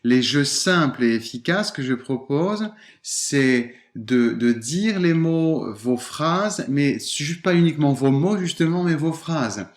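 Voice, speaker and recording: A man's voice: a little high, expressive, slow pace. A man coaching listeners on voice and public speaking in a podcast lesson, speaking expressively and shifting intonation and stress as he demonstrates.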